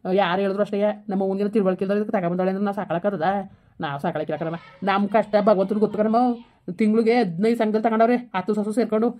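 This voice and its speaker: A woman's voice: medium pitch, steady tone, rapid-fire, dark tone, close to an everyday voice. A woman playing a stubborn village sister-in-law, talking in a scolding, argumentative way. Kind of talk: village skit acting.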